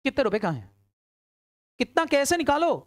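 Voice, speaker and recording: Brisk woman teacher quizzing her class. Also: high voice, big pitch swings, no room sound, studio quality. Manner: quizzing students, answering her own questions; urging quick answers. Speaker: accounts teacher. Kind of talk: classroom lecture.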